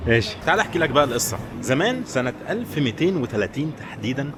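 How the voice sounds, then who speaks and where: A man's voice: mid-range voice, sing-song, rapid-fire, noisy background. A man with an Egyptian Arabic accent, walking through city streets and chatting to viewers as a travel vlogger, often asking them teasing questions.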